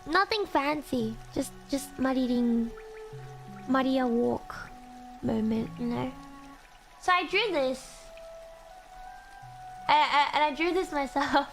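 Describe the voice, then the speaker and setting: A woman's voice: high-pitched, takes it slowly, long pauses. A young woman chatting casually on a livestream in a cute, girlish anime-streamer manner, close on the mic. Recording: music playing behind the voice.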